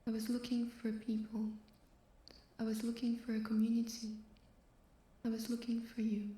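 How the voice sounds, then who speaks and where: A woman narrating a performance piece in a slow, breathy, half-whispered delivery. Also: a little high, monotone, mellow. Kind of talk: performed spoken-word narration. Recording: very echoey performance hall.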